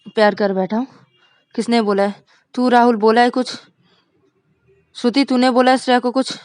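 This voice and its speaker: A woman voicing a hot-tempered young man who shouts indignantly in a raised, high voice. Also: dry recording, studio quality.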